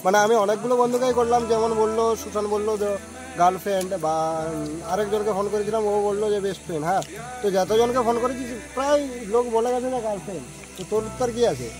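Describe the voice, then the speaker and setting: A man's voice: sits high, fast, over music. A man hosting casually, putting insistent questions to his friends. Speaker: host making prank calls to friends. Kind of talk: casual chat.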